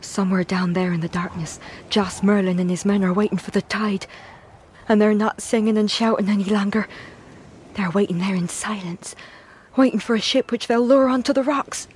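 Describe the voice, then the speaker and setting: A woman's voice: mid-range voice, steady tone, normal speed, a little mellow, slight background noise, lightly acted. An actress playing a frightened but determined young woman, narrating her own escape in urgent tones. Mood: tense. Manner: breathless, urgent inner narration. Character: frightened young woman fleeing wreckers, resolute. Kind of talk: radio drama acting.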